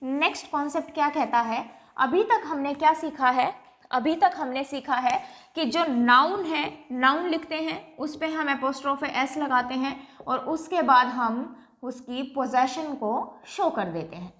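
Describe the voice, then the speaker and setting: A woman teaching English grammar in a classroom lecture, writing on a board, repeating each point, slowly drawing out example words and checking whether the students have understood. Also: high voice, a bit bright.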